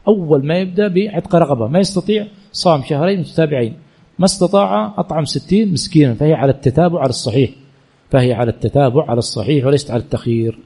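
Here the sheikh sounds a bit high-pitched, mellow and slightly rough, and he races along. Teaching Islamic jurisprudence, he reads each listener's question aloud, then gives a colloquial answer with repeated phrases and frequent self-corrections.

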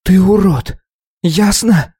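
A man voicing a scrawny bespectacled eighteen-year-old boy who hurls shrill taunts. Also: slow pace, mellow, slightly rough, dry recording, studio quality, full character voice. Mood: indignant. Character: scrawny bespectacled teenage boy, jeering and provocative.

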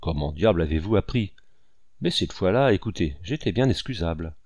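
A man's voice: low-pitched, lively intonation, fairly quick, a little mellow, no echo, pitched below the performer's own voice. A man reading an audiobook and voicing an impulsive, effusive old colonel with emphatic exclamations.

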